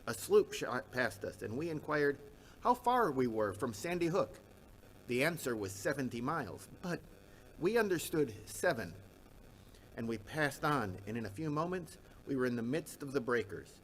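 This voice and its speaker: A reluctant, anxious eighteenth-century minister tells of his troubles in formal, measured language, as a man reads him. The read is steady and plain. It sounds like a memoir read aloud. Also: mid-range voice, slight background noise, lightly acted, rough recording. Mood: recounting. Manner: measured, formal period diction. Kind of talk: reading a first-person memoir aloud.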